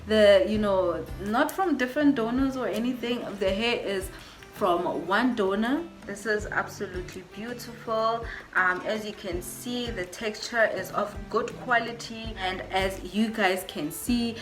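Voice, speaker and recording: Excited woman unboxing a wig, keeps saying you guys, roomy echo and soft music behind. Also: medium pitch, unhurried. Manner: gushing, repeats herself, says "you guys" often. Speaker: hair vlogger.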